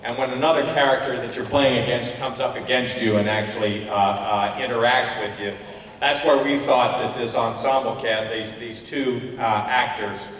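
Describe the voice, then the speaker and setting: Speaking haltingly as he hunts for words, this male festival adjudicator offers casual critique of plays at a school ceremony in a big hall. His mid-range voice is fairly bright with fairly even intonation, recorded from afar in heavy echo with a little hiss or hum.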